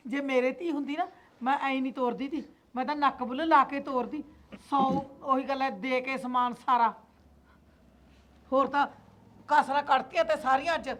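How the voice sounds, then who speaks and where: A woman playing a sharp-tongued mother-in-law who scolds and mocks, in a Punjabi accent. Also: high voice, moderate pace, background noise, natural voice. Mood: sarcastic. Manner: scolding, sarcastic. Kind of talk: acted family drama.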